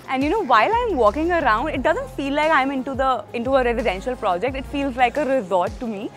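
A young woman presenting an upbeat walkthrough tour of a residential complex, speaking with enthusiastic, sales-minded energy on a lapel mic outdoors. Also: a little high. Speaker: real estate presenter.

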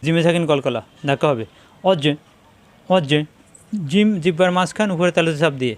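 Man slowly spelling out recitation syllables. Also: a little high. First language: Bengali. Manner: slow, drawn-out syllables when modelling recitation. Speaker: Quran recitation teacher. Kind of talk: step-by-step spelling and pronunciation lesson.

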